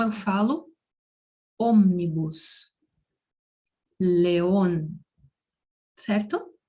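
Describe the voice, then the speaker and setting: Slow, careful woman teaching Spanish sounds. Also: a little high. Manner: slow and deliberate, pronounces example words clearly. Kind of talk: slow, careful online lesson.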